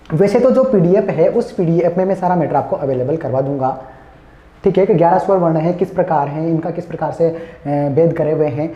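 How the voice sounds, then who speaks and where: A man teaching an exam-prep class, explaining each point over and over, calling his students friends and slowly sounding out vowels. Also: on the high side, mellow. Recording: echoey room, dull lo-fi sound.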